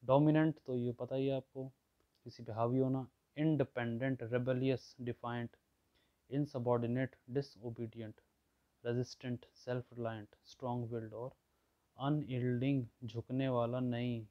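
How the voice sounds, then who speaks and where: Guy explaining vocab words, mid pitch, keeps checking in, kinda muffled audio. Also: level tone, normal speed. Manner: explains words with everyday examples, often checks in with listeners. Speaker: vocabulary teacher. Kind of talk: explanatory lesson.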